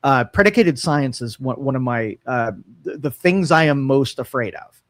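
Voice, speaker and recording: An animated radio talk show co-host speaks at a moderate pace in a medium-pitched voice, with no room sound in the studio. He muses through casual opinions, frequently using fillers and restarting.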